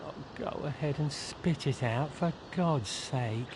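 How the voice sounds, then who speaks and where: An actor playing a sarcastic, greedy mercenary bard in a video game cutscene, mocking and impatient. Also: male voice, a little high, takes it slowly, a little mellow, slight background noise. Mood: scornful.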